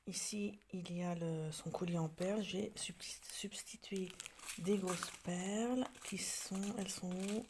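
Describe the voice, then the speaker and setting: French woman, lowish voice, hesitant home vlogger who slips into soft near-whispers, faint hiss behind her. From France. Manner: hesitant, many fillers and restarts; drops to soft near-whispers while showing details. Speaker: craft vlogger. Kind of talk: casual show-and-tell.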